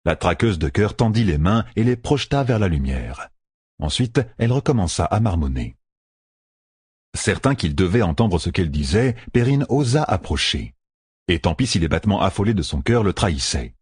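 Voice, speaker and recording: A man with a husky voice narrating an audiobook with expressive storytelling. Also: deep voice, normal speed, dry recording. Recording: dry close recording.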